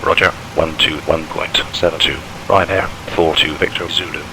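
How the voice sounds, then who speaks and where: Deep male pilot, procedural radio callouts, heavy engine noise underneath. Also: level tone, moderate pace, creaky. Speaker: streamer acting as airline pilot. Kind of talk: pilot radio calls and readbacks. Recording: loud cockpit engine noise.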